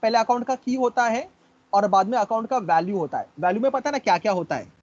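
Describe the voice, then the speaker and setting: A man's voice: high voice, expressive, fast, darkish tone. A man teaching a lecture class, explaining step by step, repeating key terms and promising to quiz his students later. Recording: dull lo-fi recording.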